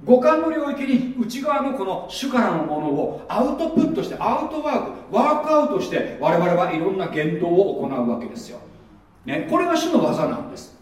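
Animated high-voiced preacher in an echoey hall. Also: male voice, moderate pace. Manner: conversational preaching, rhetorical questions. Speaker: pastor. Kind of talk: sermon. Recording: very echoey room, voice from far off.

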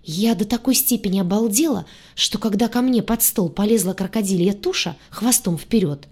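A woman narrating a first-person fantasy audiobook with a lively, expressive reading. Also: mid-range voice, normal speed, husky.

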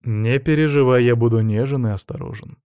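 A cheerful, teasing young man, as a male narrator reads him in a storybook scene, sure of himself and fond of jokes. His tone is warm and mellow, close and dry with no room around it. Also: mid-range voice, a little fast, smooth, no echo, lightly acted. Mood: playful. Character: young man, playful, confident, romantic.

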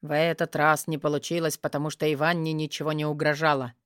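Stern male dragon, low and curt, dry sound, as a woman narrator puts him on. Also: little pitch movement, fast talker, a bit bright, smooth, no echo. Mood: explaining. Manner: firm, curt.

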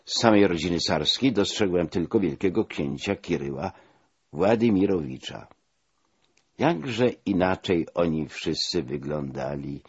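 A deep-voiced man with a very husky, rough tone reads a first-person memoir, his pitch rising and falling in a lively way. The sound is dull and lo-fi, as in an old audiobook transfer. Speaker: audiobook reader.

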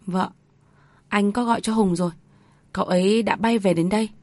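A protective young husband, tense but trying to soothe, read in a plain, even voice by a woman narrator. The recording is dry and close. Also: medium pitch, moderate pace, no echo, lightly acted. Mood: tense soothing.

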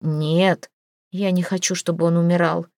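Woman reading a protective young man in a storybook, quiet, low-key and gently reassuring. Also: moderate pace, no room sound, lightly acted. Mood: soothing. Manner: soft, calm, reassuring. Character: steady, protective young man comforting a friend.

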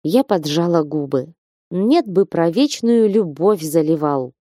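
A woman reading a first-person story aloud with a sarcastic, lively delivery. Her voice sits a little low and sounds mellow and dark, recorded dry and close. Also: measured pace, no echo. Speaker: audiobook narrator. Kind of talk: first-person audiobook narration.

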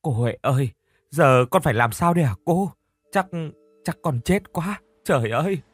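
A man's voice: medium pitch, sing-song, brisk, breathy edge, dry recording. A man voicing a young woman niece who argues back and then pleads in a told story. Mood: pleading. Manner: pleading, defiant, sobbing speech.

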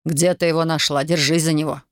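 A reader voicing a stern middle-aged father who lectures slowly in an audiobook. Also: mid-range voice, little pitch movement, no room sound, clean studio sound, close to an everyday voice. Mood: fervent. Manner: slow and severe.

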